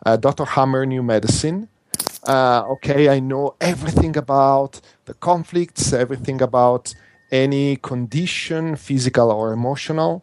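A native Italian speaker with an Italian accent, appearing as an interview guest and workshop instructor, speaks earnestly but haltingly, often restarting and repeating words. His medium-pitched voice is a little mellow, with slight hiss or hum on the recording.

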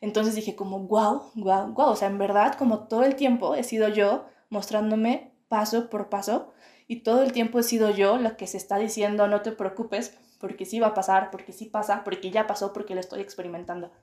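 A young woman muses aloud as a podcast host, her mid-pitched voice carried by a roomy, echoing room. She talks in loose, winding phrases full of fillers. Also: steady tone, a little fast, dark tone. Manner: musing, many fillers like "o sea" and "como". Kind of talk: reflective spiritual monologue. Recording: roomy, echoey home room.

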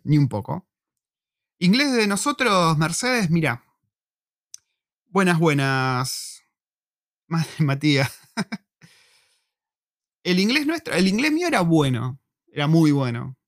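Here the Argentine host's voice is fairly high, captured cleanly with no echo and studio-grade clarity. Chatting live and casually at home into a desk microphone, he's a lively storyteller who jokes and leans on slang, his accent Argentine Spanish.

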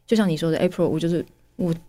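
Taiwanese mandarin host lady, lowish voice, calm and thoughtful, sums things up. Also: very fast. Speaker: podcast host. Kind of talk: reflective interview chat.

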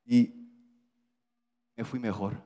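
A man's voice: medium pitch, steady tone, very slow, dark tone. A man preaching a sermon as pastor, emphatic, repeating phrases for effect and slipping in joking asides.

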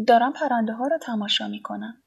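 A woman's voice: fairly high pitch, creaky, breathy edge. A woman reading a storybook voices an aloof, teasing male artist who goads a suicidal young man. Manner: calm, teasing, unbothered.

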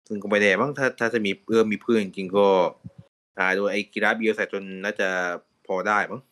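Low-voiced man in laid-back chat. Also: fairly even intonation, brisk, a bit bright. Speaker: podcast host. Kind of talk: casual chat. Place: voice chat call.

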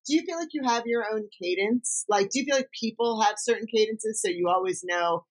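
A woman's voice: a little high, brisk, low-quality recording. A middle-aged woman co-hosting a casual family chat, laughing often. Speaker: podcast co-host.

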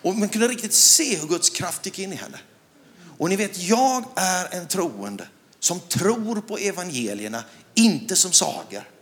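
A middle-aged Swedish man preaching a sermon, telling a personal story with animated delivery, rising to loud shouts and asking the crowd questions. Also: high-pitched.

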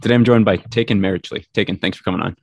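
A man hosting a podcast interview, talking in a halting way and often repeating words. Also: deep voice, vocal fry, dry recording, studio quality, soft background music. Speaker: podcast host.

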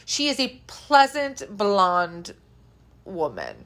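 A woman's voice: mid-range voice, huge pitch swings, takes it slowly, a bit bright. A woman hosting a podcast, chatting casually about pop culture, laughing easily and swearing freely. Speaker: podcast host.

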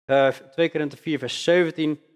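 A man's voice: fairly high pitch, steady tone, moderate pace, clear, resonant tone. A man preaching a sermon in earnest, emphatic style, leaning hard on key words. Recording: long hall reverb.

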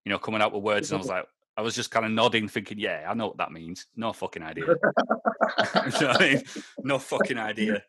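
A man's voice: fairly low pitch, quick pace, sharp tone, slightly rough, dry recording. A young Scottish man hosting a podcast, chatting casually, rambling and swearing, laughing often. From Scotland. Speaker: podcast host. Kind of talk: casual chat.

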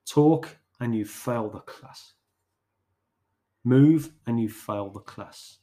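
A harsh, militant biology teacher voiced by a male storyteller lays down the rules in slow, loud, clipped commands. His pitch sits in an ordinary middle range, and he sounds abrupt and scary. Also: close to an everyday voice. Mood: stern.

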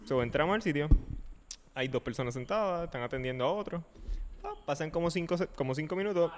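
A man hosting a podcast in casual chat, telling stories in an animated way and laughing often. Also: a little high, quick pace. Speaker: podcast host. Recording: long reverb.

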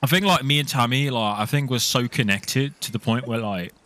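A man's voice: lowish voice, moderate pace, a bit bright, no echo, voice pushed down, natural voice. A man voicing a brash young male Liverpool lad in an exaggerated put-on Scouse accent, full of street slang. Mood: cocky banter.

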